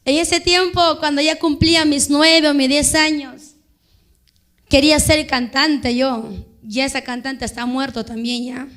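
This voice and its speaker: A woman's voice: high voice, steady tone, unhurried, fairly bright tone. A woman preacher from Peru, giving a fervent sermon testimony and calling her listeners brothers. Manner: fervent, addresses listeners as brothers, quotes others in dialogue.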